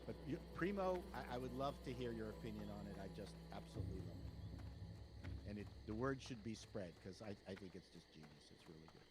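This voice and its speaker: A man's voice: on the low side, lively intonation. A man talking casually as a guest comedian, often repeating his words as he talks. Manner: halting, repeats words while recommending. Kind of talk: casual chat. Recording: loud background noise.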